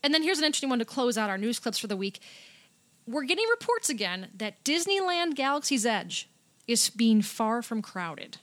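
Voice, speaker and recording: A woman co-hosts a casual theme park podcast, running through news items in a chatty, upbeat way. Her voice is fairly high and a bit bright, very animated, at a moderate pace.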